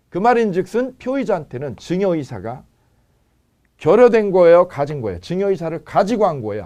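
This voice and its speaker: A male law lecturer with a slightly high, mellow voice that rises and falls widely. He keeps quizzing his students with rhetorical questions. He repeats each key phrase as he drives the point home. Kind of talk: exam-prep lecture.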